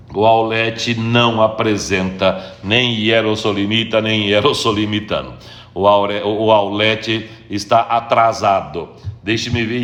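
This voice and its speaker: A man's voice: fairly low pitch, a bit bright, roomy sound. A man teaching grammar on a live stream, answering viewers' questions, greeting them by name, and thinking aloud as he looks things up. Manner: explains step by step, checks understanding. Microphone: phone or computer during a live stream.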